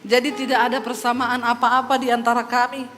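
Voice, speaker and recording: A woman from Sulawesi giving her testimony as a preacher, a lively storyteller who slips into voices. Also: fairly high pitch, brisk, slight background noise. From Sulawesi, Indonesia. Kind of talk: testimony sermon. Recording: long hall reverb with faint music.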